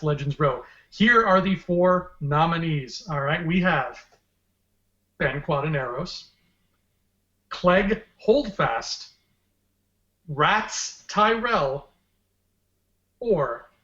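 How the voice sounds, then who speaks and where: A man chats casually as a podcast co-host, playful and joking, drifting into rambling asides. His voice sits a little high. The sound is muffled and rings with room echo. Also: a bit bright. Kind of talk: casual livestream chat. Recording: dull, echoey room sound.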